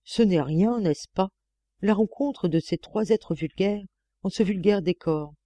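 A woman narrates a classic novel as an audiobook in a measured, expressive way. Her tone is mellow and relaxed. The recording is dry and close. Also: mid-range voice, no room sound. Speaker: audiobook reader.

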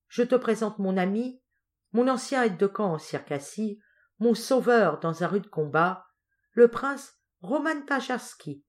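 Storybook: woman doing kindly old general, affectionate but commanding, mid pitch. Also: darkish tone, lightly acted. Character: warm-hearted old male Russian general.

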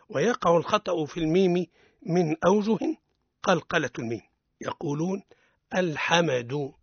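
A man's voice: a little high, a bit bright, husky, dry recording. Older Tunisian man teaching recitation. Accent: Tunisian Arabic. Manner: switches between classical Arabic explanation and colloquial asides, slows to model words. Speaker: radio Quran recitation teacher. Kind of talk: radio lesson on Quran recitation. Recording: dull lo-fi radio broadcast.

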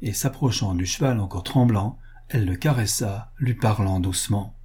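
A man narrating a classic novel as an audiobook in a measured, even reading voice. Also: on the low side, breathy edge. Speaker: audiobook reader.

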